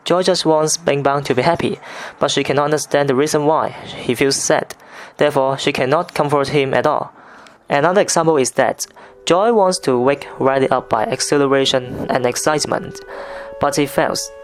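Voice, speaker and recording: A narrator reading a scripted film review as a video essay, in measured, non-native English phrasing. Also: medium pitch. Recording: narration over clear background music.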